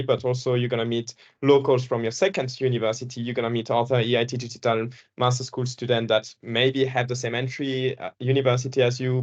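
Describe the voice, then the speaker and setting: At an information session, a former student presents informally; he's a young man from Belgium, a native French speaker, who often repeats himself and starts his words over. His voice is mid-range, heard through lo-fi sound.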